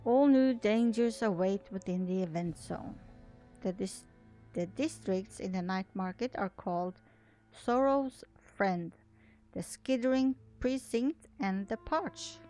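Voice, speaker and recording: In a rough recording with soft background music, a woman who hosts gaming videos reads an article slowly and comments casually. Her mid-range voice is mellow; English isn't her first language, and she often stumbles and restarts.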